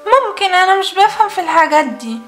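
A woman with an Egyptian Arabic accent voicing an excitable young girl doll who chats and frets. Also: very high-pitched, fast talker, faint music behind, full character voice. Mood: chatty. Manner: excitable, chatty. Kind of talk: doll play acting. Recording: echoey room.

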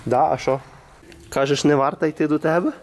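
A man's voice: a little high, fairly even intonation, fairly quick. A man filming a casual vlog as he explores a large abandoned concrete hall, chatting to a friend as he goes. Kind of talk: casual handheld vlog narration.

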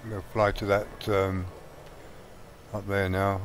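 A man's voice: low voice, completely flat delivery, slow pace, a little hiss or hum. A man giving casual let's play commentary on a game he is playing, thinking aloud as he goes with frequent ums. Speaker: gaming channel host.

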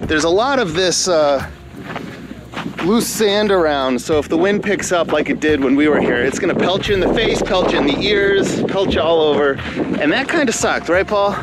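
A man's voice: a little high, expressive, normal speed, heavy background noise. Chatty man vlogging outdoors on camera. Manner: chatty, easygoing, exclaims at views. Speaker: travel vlogger. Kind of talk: casual outdoor vlog narration. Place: outdoors on a windy canyon rim and dam bridge. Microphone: action camera held at arm's length.

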